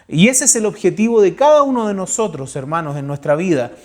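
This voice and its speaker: Chilean male pastor, fairly high voice, earnest sermon delivery, direct questions to the flock. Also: expressive, fairly quick.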